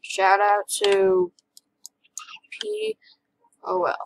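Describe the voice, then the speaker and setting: A woman's voice: mid-range voice, big pitch swings, very slow, vocal fry. A young girl hosting her own gaming channel, thinking aloud as she plays at a home computer. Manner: chatty, thinking aloud while playing. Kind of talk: casual gameplay commentary. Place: indoors at a computer. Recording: noisy home recording with keyboard clicks.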